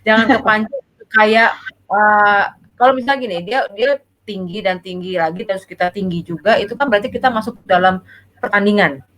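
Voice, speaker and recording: A woman child psychologist gives parenting advice in a casual talk, explaining patiently and often using tag phrases, especially "gitu ya". Her voice is medium-pitched and fairly bright at a normal speed, though the recording is rough.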